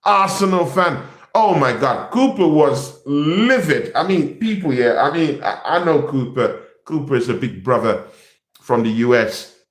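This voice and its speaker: Slow-talking, animated man in an echoey room. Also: a little high. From Nigeria. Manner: animated, repetitive, addresses viewers as people. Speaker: football channel host. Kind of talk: casual live-stream chat.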